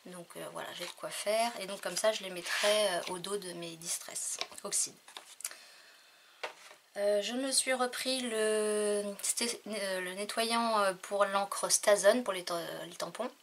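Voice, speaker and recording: A woman talking casually through a crafting haul, hesitant with many fillers and often trailing off quietly. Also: mid-range voice, unhurried, a little hiss or hum. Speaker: crafting vlogger.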